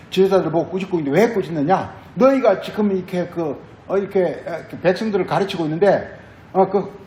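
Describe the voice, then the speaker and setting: A man's voice: high voice, dark tone, reverberant, a little hiss or hum, rough recording. A male pastor giving a sermon, repeating phrases and asking the congregation questions. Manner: repetitive, asks the congregation questions.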